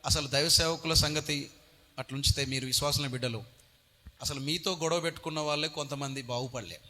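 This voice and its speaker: A male pastor delivers a fiery sermon. His voice is piercingly bright and sits slightly high. It carries a long reverb through a church hall as he swings between quiet asides and shouted appeals. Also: fairly even intonation, fairly quick.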